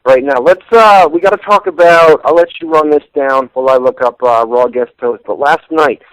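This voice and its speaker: A man's voice: on the high side, steady tone, normal speed, a bit bright, smooth, no room sound, rough recording. A man hosting a casual wrestling talk radio show, chatty and loose, swearing offhandedly.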